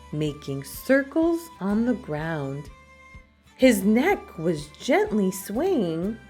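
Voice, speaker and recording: A woman with a husky, mid-range voice reads a children's storybook aloud. Her narration is expressive, with dramatic, deliberate phrasing.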